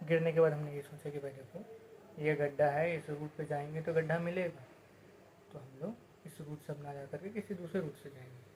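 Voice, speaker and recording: A man giving a casual motivational talk. He explains with everyday examples and rhetorical questions, and switches into slower, deliberate English phrases. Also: a little high, steady tone, darkish tone, a little hiss or hum. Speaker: motivational speaker.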